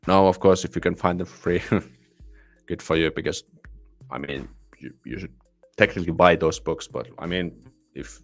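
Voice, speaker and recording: A tired, yawning young Finnish man with a low voice and Finnish accent hosts a casual live Q&A, reading viewer comments in a relaxed, halting way full of restarts and soft laughs. He's in a small home room with a patterned curtain, wearing headphones and using a boom-arm studio mic, with soft music in the background.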